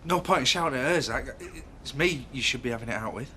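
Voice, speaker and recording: Brief: a quiet, steady man, bright voice, faint TV hiss. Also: medium pitch, fast talker. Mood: calm. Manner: calm, quiet, persistent. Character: calm, persistent man seeking a talk. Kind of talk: television soap drama.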